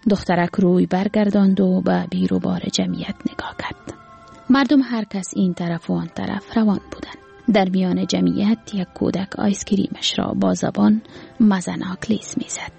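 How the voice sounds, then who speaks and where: A woman with an Afghan Dari accent narrating a story slowly, in a hushed, half-whispered voice. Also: mid-range voice, expressive, gravelly, slightly rough, faint music behind.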